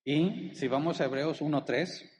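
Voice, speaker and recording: A male pastor preaching a sermon. He keeps asking the congregation rhetorical questions and slows down to stress the key words. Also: on the high side, darkish tone, in a large hall, slight background noise. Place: church hall.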